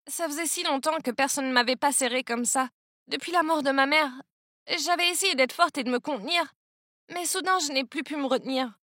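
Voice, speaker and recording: High, bright young woman narrating a story. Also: no echo, studio quality. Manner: dramatic, exclamatory. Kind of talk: scripted first-person story narration.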